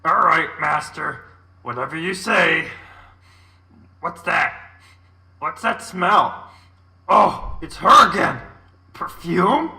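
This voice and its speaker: A man's voice: on the high side, animated, takes it slowly, creaky, long pauses, pushed and bright, far from the mic, pitched above the performer's own voice, heavily acted. A man voicing a whiny, eager monster dog who serves his master in a game, with an exaggerated servile manner. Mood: eager, uneasy.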